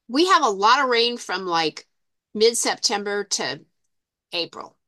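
Donna dal tono brillante e molto espressivo. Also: female voice, mid-range voice, lively intonation, slow pace, sharp tone, no room sound. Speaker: coaching client. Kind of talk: casual personal conversation.

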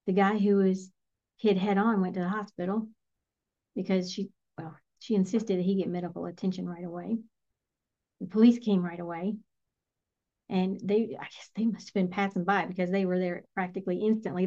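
A middle-aged woman, a spiritual energy coach, telling a personal story in an earnest, reflective, softly emotional way. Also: mid-range voice. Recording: slightly muffled lo-fi recording.

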